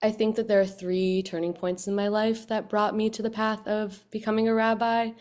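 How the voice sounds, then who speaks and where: A woman's voice: medium pitch, level tone, moderate pace, a little mellow. A young woman from Southern California, a rabbinical student on a panel, tells her personal story in a personal way with light humor. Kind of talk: panel talk.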